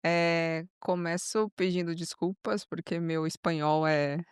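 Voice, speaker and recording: Brazilian woman, 30s, São Paulo coast accent, smooth voice, dry close sound. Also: fairly low pitch, fairly even intonation, no echo. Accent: São Paulo coast Brazilian Portuguese. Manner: speaks slowly and clearly, laughs easily. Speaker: interview guest. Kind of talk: casual interview.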